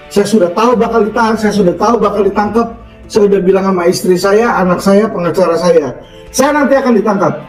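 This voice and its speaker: High-voiced man telling his story, echoey. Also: darkish tone, far from the mic. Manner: emphatic, preachy, peppers talk with asides to listeners. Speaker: lawyer. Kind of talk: earnest storytelling to an audience.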